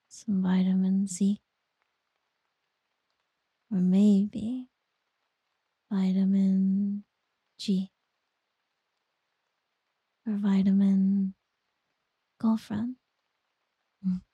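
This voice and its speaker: A woman doing a whispered ASMR girlfriend roleplay, soft, teasing and doting. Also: mid-range voice, level tone, drawn-out words, long pauses, husky, no echo, lo-fi sound.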